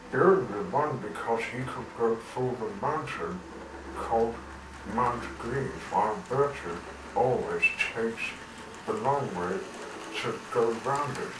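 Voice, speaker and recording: A man reading a children's train story aloud in an unhurried, gentle storytelling manner. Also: medium pitch. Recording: roomy with faint hiss.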